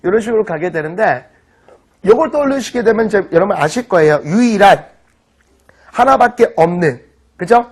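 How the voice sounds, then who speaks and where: A middle-aged man teaching an online vocabulary lecture in an animated, teasing way, often checking that students follow. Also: sits high, moderate pace, long pauses. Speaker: English teacher.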